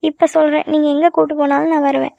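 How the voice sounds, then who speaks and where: A woman's voice: high-pitched, flat delivery, fast, vocal fry, warm tone, no room sound. Woman voicing a clingy teary college girl. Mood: shy affectionate. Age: young adult. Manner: pleading, teary, affectionate. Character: tearful young college girl in love, clingy. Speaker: voice actor. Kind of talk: cartoon love-story dialogue. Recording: dull lo-fi dry recording.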